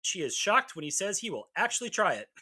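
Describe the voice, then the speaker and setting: A man's voice: high voice, big pitch swings, fast, pushed and bright, husky. A man co-hosting a podcast in casual chat, making wry jokes between fillers and restarts. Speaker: podcast co-host.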